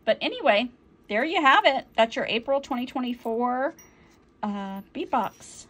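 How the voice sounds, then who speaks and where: A woman's voice: a little high, expressive, measured pace, a bit bright. A woman chatting through an unboxing, easily delighted and often apologizing for slips. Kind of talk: casual unboxing chat.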